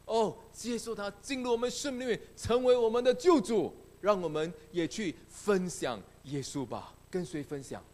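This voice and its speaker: High, emphatic male pastor preaching. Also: moderate pace, few pauses, darkish tone. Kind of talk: sermon.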